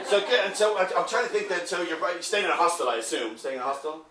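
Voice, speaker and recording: A man's voice: fairly high pitch, animated, fast. A man with an Irish accent working the crowd as a comedy club MC, brash and full of swearing banter. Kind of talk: stand-up crowd work. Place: upstairs comedy room in a bar. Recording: echoey room from far off, loud noise. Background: audience laughing.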